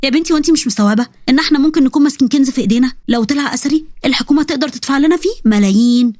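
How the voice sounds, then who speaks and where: Woman doing a teasing young roommate, egyptian accent, playful and fast. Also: sits high, darkish tone, no echo, clean studio sound, natural voice. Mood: eager.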